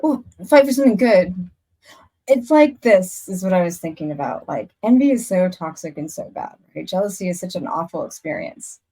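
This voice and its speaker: A woman's voice: lowish voice, big pitch swings, normal speed, warm tone. A woman hosting a casual podcast conversation, talking earnestly in long rambling stretches with frequent restarts. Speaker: podcast host. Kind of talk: casual chat.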